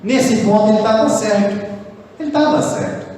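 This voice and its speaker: A Brazilian pastor with a fairly high voice preaches in a loose, conversational way and keeps asking his listeners questions. His words ring through a church hall with a long, strong echo that trails after each phrase. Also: normal speed, dark tone. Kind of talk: sermon.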